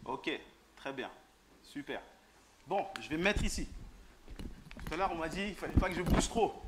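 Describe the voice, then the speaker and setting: There's background noise as this lay preacher, his voice on the high side and animated, talks at a moderate pace in a church hall. His sermon is informal, full of jokes, teasing and questions aimed at the youth in the pews.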